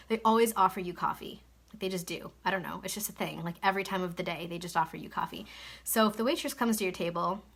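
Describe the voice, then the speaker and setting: A woman's voice: medium pitch, a bit bright. A young woman giving casual, reassuring advice to camera, chatty and full of fillers. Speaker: network marketing coach.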